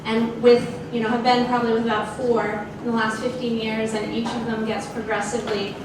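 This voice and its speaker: A middle-aged woman, a sales executive appearing as a guest, speaks in a measured, flat-pitched way with lots of fillers during an onstage fireside chat. Her handheld mic is picked up by a distant camera in a large open office event space with an audience, so the sound is far-off, echoey, and noisy.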